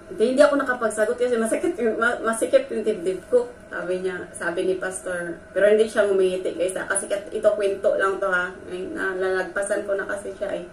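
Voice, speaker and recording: Talking fast at a medium pitch, this woman keeps her intonation fairly even as she tells her viewers a heartfelt personal story. She's a vlogger, earnest and emotional, addressing the audience head-on. The mic catches her from afar in an echoing room with a little noise.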